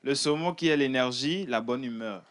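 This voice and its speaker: A man co-hosting a studio show, reading out a horoscope segment in a plain, measured way. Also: mid-range voice, a bit bright. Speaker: co-host.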